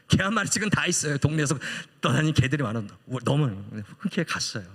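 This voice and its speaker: A man's voice: mid-range voice, fairly bright tone. A middle-aged man, a missionary preacher telling a personal story in a sermon and acting out the voices he quotes. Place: church sanctuary. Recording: long church hall reverb.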